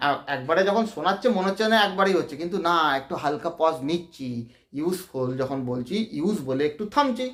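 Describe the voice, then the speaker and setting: A man with a Bengali accent teaching English grammar, explaining patiently, saying words slowly and checking that students follow. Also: high voice, roomy sound. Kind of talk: classroom grammar lesson.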